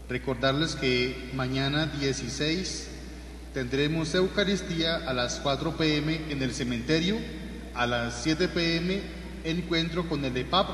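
Man, Colombian accent, priest, unhurried formal liturgical reading, cathedral echo, big reverberant church. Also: fairly high pitch, a bit bright, a little hiss or hum. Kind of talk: liturgical prayer and parish announcements read from the lectern. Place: large church, indoors. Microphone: lectern microphone.

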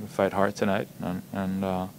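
Very low and gravelly, a young hockey player's voice barely rises or falls as he answers postgame questions at a press table before a logo backdrop. Ums and doubled words fill his constant hesitations, and a faint hiss lies beneath the table mics.

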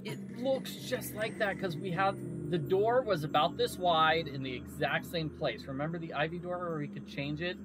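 A woman's voice: on the low side, moderate pace, few pauses. A woman giving casual game commentary to a child, explaining things step by step. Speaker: game player. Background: loud game music.

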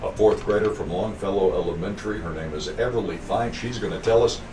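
A man's voice: on the low side, brisk, recorded from a distance. An older man hosting a radio show, joking easily with a young guest in a small studio. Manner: joking, easygoing teasing. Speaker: radio host. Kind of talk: friendly radio studio banter. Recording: roomy, off-mic, noisy.

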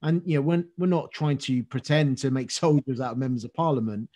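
A man's voice: medium pitch, brisk, mellow. A man hosting an interview, asking earnest, rambling questions with frequent restarts and ums. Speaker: interview host.

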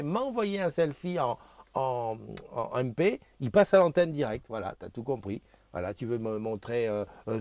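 Chatty, hesitant live-stream host. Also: male voice, a little high, a little mellow, no echo. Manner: chatty, hesitant, many fillers and restarts; reads viewer comments aloud. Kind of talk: casual live-stream chat. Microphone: new desk microphone being tested.

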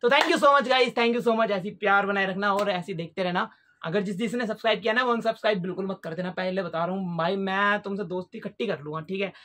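A man's voice: high voice, brisk, bright, forceful tone. Chatty young man vlogging with a lapel mic. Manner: chatty, playful, addresses viewers as brothers. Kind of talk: casual vlog chat. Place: outdoors near a lane. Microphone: wired lapel mic under t-shirt to phone.

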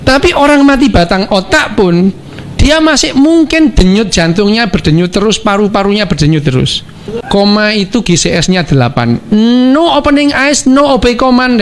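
Man, doctor, casual lecture talk, high voice, lively pitch swings, faint background hiss. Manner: animated, playful, acts out quoted dialogue. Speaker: doctor speaking on neuroscience.

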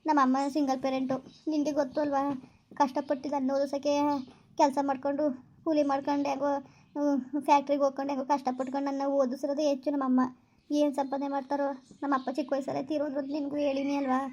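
Brief: woman playing heartbroken girl, high flat pleading tone, muffled lo-fi sound. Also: racing, a little hiss or hum, close to an everyday voice. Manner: pleading, tearful, repeats please. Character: heartbroken young woman begging her lover. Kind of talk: village skit acting.

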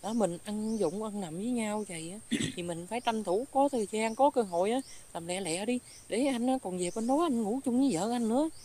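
A woman voicing a cheating middle-aged husband, hurried and scornful. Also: medium pitch, dark tone, lightly acted. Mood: urgent. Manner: hurried, then blunt and scornful.

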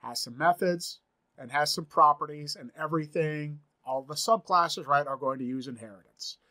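A man's voice: fairly high pitch, moderate pace, bright, forceful tone. A man in his forties giving a screen-recorded coding tutorial from a home office, thinking aloud as he types, upbeat and chatty. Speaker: programming instructor.

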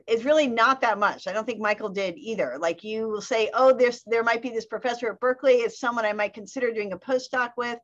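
A woman moderating a webinar over a video call, brisk and organizing. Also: mid-range voice, a bit bright. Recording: dull lo-fi call audio.

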